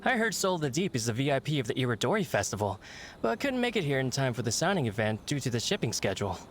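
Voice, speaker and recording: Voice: mid-range voice, big pitch swings, fast talker, soft background music, lightly acted. An actor voicing a courteous female bookstore clerk in a video game, with a polite, upbeat customer-service manner. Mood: helpful, delighted.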